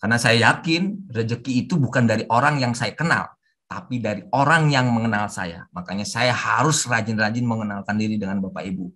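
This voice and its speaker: A middle-aged man giving a webinar lecture with forceful, emphatic intonation, mixing in English terms. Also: lowish voice, fairly quick. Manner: mixes English terms into talk. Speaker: civil service trainer. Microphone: online webinar audio.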